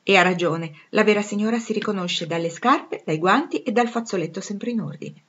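A woman voicing a vain, proper young woman in a storybook reading, her voice raised higher than her narration. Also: brisk, a bit bright, lo-fi sound, close to an everyday voice. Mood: prim.

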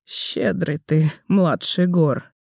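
A man voicing a calm, wry male demon warrior who speaks in a reasoning way, in an audiobook. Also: on the high side, very slow, gravelly, no echo, studio quality, voice pushed down, full character voice. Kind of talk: audiobook character voice.

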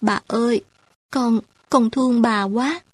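A woman's voice: fairly high pitch, takes it slowly, breathy edge, dry recording. Woman voicing a yearning young woman. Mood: tearful. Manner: pleading, emotional. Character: emotional young woman longing for love.

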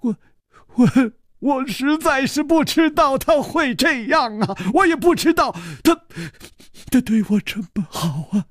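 A man's voice: extremely high pitch, expressive, unhurried, fairly bright tone, no room sound, clean studio sound, pitched above the performer's own voice, exaggerated voice. A man voicing a timid, tearful young male servant who stammers and pleads.

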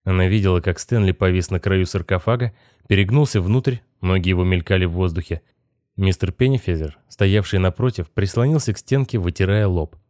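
A man narrates an audiobook from a script, his fairly low voice measured and even. The recording is dry and close, with no room sound.

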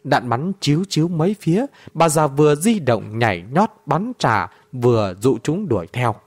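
A man's voice: medium pitch, very animated, moderate pace, darkish tone, no room sound. A man reading a martial-arts story aloud with dramatic narration.

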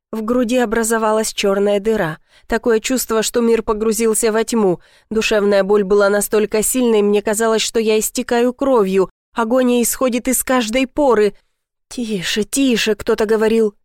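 Expressive woman reading a novel. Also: on the high side, no room sound, clean studio sound. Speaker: audiobook narrator. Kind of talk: first-person novel narration.

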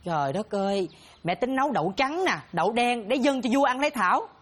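A woman's voice: expressive, brisk. A woman playing a harsh middle-aged stepmother who scolds and threatens in a comic sketch. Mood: scolding. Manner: shrill scolding, shouting threats.

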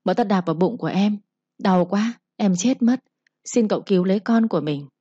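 A scheming young concubine wails and pleads in a shrill, whiny voice, as a woman acts her out. The storybook reading has a husky, darkish tone. It comes through a dull, lo-fi recording. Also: expressive, a little fast, warm tone, dry recording. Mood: whimpering.

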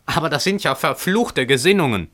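A man's voice: fairly low pitch, lively intonation, moderate pace, bright, forceful tone. A man voicing a furious old landlord who screeches and splutters with outrage in a radio story reading.

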